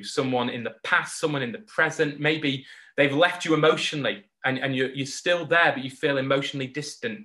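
A man preaching a sermon in an earnest, heartfelt way, slowing down and pausing to stress key words. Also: mid-range voice, pushed and bright. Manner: earnest, heartfelt, with slow emphatic pauses. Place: home recording for an online service.

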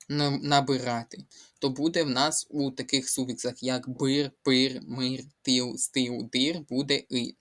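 A man's voice: medium pitch, fairly bright tone. A man tutoring for an exam, walking through test answers methodically and repeating key words and rules. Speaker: Ukrainian language tutor. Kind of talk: exam walkthrough lesson.

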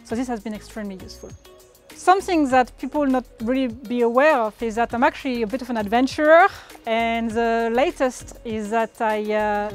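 A woman in her thirties, a research fellow speaking composedly to camera in an outdoor courtyard. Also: fairly high pitch. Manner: composed, articulate, with brief fillers. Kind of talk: prepared talk to camera.

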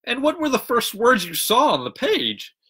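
A man voicing a pastor in a joke, giving instructions in a steady, teaching way. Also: very high-pitched, normal speed, breathy edge, pitched above the performer's own voice, exaggerated voice. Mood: questioning. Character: calm advising male pastor.

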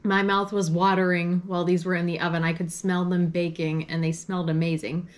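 A woman's voice: lowish voice, little pitch movement, fairly quick. A woman giving casual, chatty taste-testing commentary in her kitchen, describing flavors and textures in detail. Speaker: food blogger recreating vintage recipes.

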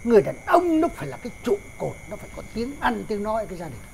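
A man's voice: high voice, huge pitch swings, rapid-fire, vocal fry, background noise, full character voice. A man, playing a bossy older father-in-law who lectures in a slapstick sketch. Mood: lecturing.

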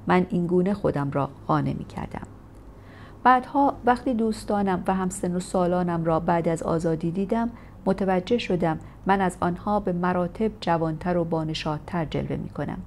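A woman narrating a first-person memoir in a steady, measured audiobook reading. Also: fairly low pitch, slight background noise. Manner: steady, measured storytelling delivery.

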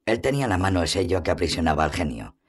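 A man narrates a fantasy novel aloud in an audiobook reading. His delivery is steady and measured, and his voice sits very low. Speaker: audiobook reader. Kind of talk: scripted narration.

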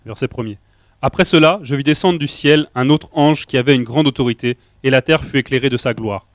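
A man reading a passage of scripture aloud in a steady, measured way. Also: mid-range voice, no room sound, clean studio sound. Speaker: scripture reader.

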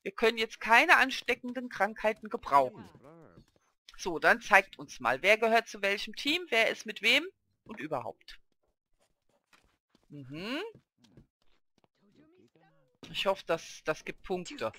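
This adult woman, with a child present, hosts a let's play through a headset, commenting on the game and coaxing or complaining at its characters. Her medium pitch swings widely, her pace is a little slow, and her tone is bright and forceful.

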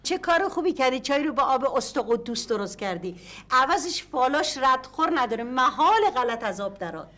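A bossy, widowed fortune teller rattles off her readings and cuts people off. Her voice sits high. It is a comedy series performance. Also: animated, pushed and bright. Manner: domineering, fast-talking. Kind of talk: sitcom acting.

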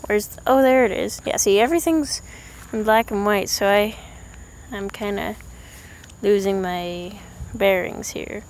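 A woman's voice: medium pitch, a little slow, long pauses, a little mellow. A young woman making a casual, rambling vlog about her phone, poking fun at herself. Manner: rambling, self-deprecating. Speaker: video creator. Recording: phone recording with faint noise.

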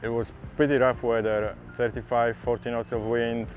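A man in his thirties, a seasoned sailor, recounts his experience at sea in a steady, plain-spoken way. His voice is middle-pitched and unhurried. Quiet music plays beneath him. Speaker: expedition sailor. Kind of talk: testimonial to camera.

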